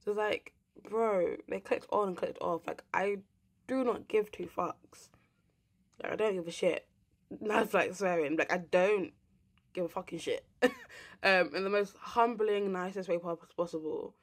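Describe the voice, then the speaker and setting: A woman's voice: medium pitch, a little slow. A young woman from England, ranting casually to camera as a vlogger, rambling and swearing bluntly.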